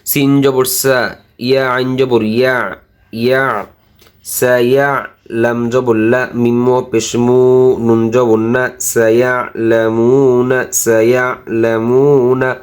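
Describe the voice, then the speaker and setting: A man teaching Quran reading, spelling out each syllable slowly and patiently in a recitation lesson. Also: medium pitch, level tone, clean tone. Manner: slow, drawn-out syllable-by-syllable teaching.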